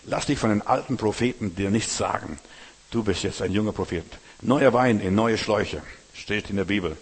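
Husky-voiced male pastor preaching. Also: lowish voice, normal speed. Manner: colloquial, addresses listener directly with "weißt du". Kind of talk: sermon. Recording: long hall reverb.

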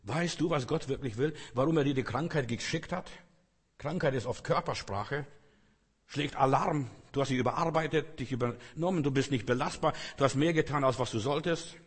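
A man's voice: mid-range voice, normal speed, slightly rough, big-room sound. A man preaching a sermon in a conversational way, often turning to the listener directly. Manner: conversational, addresses listener with "weißt du".

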